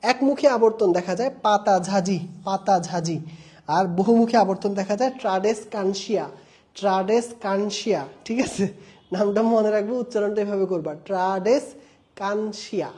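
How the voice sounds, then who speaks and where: Young man, exam-prep tutor, mellow tone, drills terms through repetition and quick quizzes. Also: high-pitched. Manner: drills key terms by repeating them and quizzing students; explains with mnemonics and personal anecdotes. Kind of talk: online class lecture.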